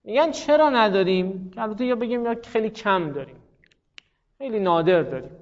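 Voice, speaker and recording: A man with a high voice lectures a class in a patient, stepwise way and keeps putting questions to his listeners. His voice trails off into a long reverb. The recording is dull and muffled. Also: lively intonation. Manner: explains step by step with rhetorical questions to students. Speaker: teacher.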